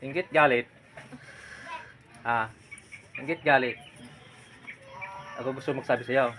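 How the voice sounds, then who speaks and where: A man's voice: mid-range voice, fairly even intonation, unhurried, bright, forceful tone, a little hiss or hum. A man working as a folk healer, firmly and insistently questioning a spirit during a healing ritual. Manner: commanding, insistent, repeatedly prodding with "ha?".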